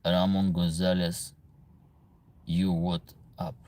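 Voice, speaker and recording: Deep-voiced Albanian-accented man hosting a livestream. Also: flat delivery, slow pace, a little mellow. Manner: reads viewer comments aloud and answers them. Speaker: livestream host, veterinarian. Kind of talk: casual livestream chat reading comments.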